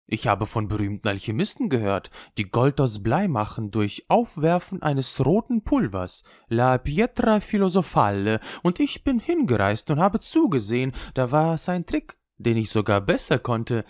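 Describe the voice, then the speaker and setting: Putting on the role of a cunning, aged Italian-accented magician, a man sneers cynically at everything his worldly life has shown him. His mid-range voice rises and falls expressively at a normal speed with hardly any pauses. It sounds natural, dry and close, with no room sound.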